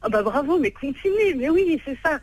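A woman's voice: high-pitched, animated, moderate pace, crowd noise, poor audio. A woman in her twenties, a prank call victim, arguing angrily and swearing, with mocking laughs. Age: 20s. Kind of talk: heated phone argument.

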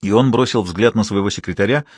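A man narrating an audiobook in a steady, even reading voice. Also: fairly low pitch, fast talker, no room sound, clean studio sound. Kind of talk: scripted narration.

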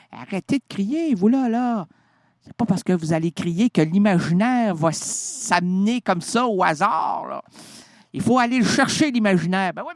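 A man's voice: high-pitched, dry recording, studio quality. A man, bantering through an improvised comedy bit, playful and theatrical. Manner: playful, jumps between silly voices and mock-preachy outbursts.

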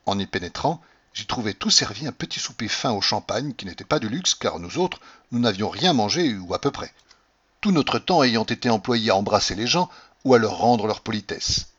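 Husky man narrating a novel. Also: lowish voice. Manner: expressive storytelling. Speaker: audiobook narrator. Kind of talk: literary audiobook narration. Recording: dull lo-fi recording.

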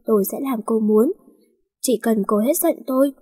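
A woman's voice: fairly high pitch, normal speed, warm tone, husky. A woman voicing a remorseful young man who pleads earnestly for forgiveness. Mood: pleading.

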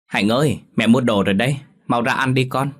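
A man's voice: low-pitched, a little fast, breathy edge. A man voicing a worn-out, scolding mother. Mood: soothing. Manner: scolding, anxious. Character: worn-out older mother, strict when pushed.

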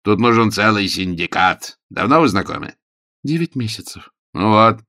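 Genial older gentleman, teasing and hearty, a narrator putting him on, lowish voice, lively lilt. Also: normal speed. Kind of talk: audiobook character voice.

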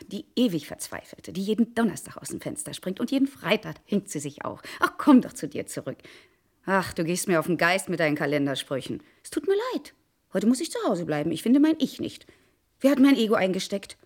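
An actress in a radio play, playing a sharp-tongued wife who answers her husband with sarcasm and defiance. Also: on the low side, big pitch swings. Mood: mocking. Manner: sarcastic, quick retorts.

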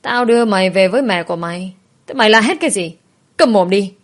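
A woman doing a gruff male kidnapper. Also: mid-range voice, fast, lightly acted. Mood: threatening. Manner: harsh, barking threats.

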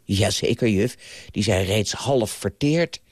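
A man voicing a lovestruck nine-year-old boy, hushed and conspiratorial, in a storybook reading. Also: lowish voice, slow, dry recording, studio quality.

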